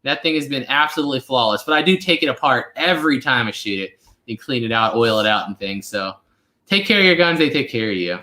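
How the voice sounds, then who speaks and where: A man in his twenties hosts a relaxed live Q&A for his channel, rambling on with lots of fillers. His mid-range voice is expressive, fast, bright, and forceful, and the recording carries a roomy echo.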